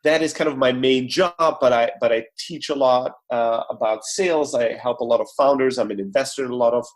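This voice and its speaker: A man's voice: mid-range voice, a little fast. A man from Greece, a startup CEO, speaking as a guest in a podcast interview over a remote call, telling his story with energy and plenty of fillers.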